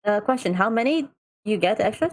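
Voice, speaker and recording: A woman's voice: fairly high pitch, animated, brisk. A woman chatting casually as a player in a tabletop role-playing game.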